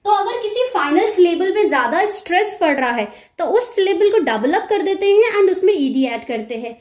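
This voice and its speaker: A woman's voice: very high voice, darkish tone, roomy sound. A woman teaching English grammar in a recorded lecture, explaining step by step and answering her own questions.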